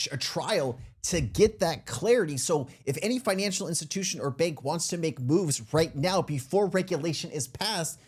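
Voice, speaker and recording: A man's voice: a little high, a little mellow, husky. A man hosting a casual commentary show, talking informally to viewers with a slightly thick voice from a sore throat. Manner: informal, addresses viewers as guys. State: sore throat, feeling unwell. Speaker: crypto show host. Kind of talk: casual commentary on played clips.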